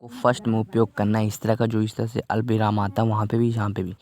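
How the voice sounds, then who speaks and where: A man's voice: on the low side, level tone, quick pace, darkish tone. A man teaching a worksheet lesson to young children in a casual, patient way, often repeating himself and asking if they follow. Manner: patient, repeats phrases and keeps asking "theek hai?".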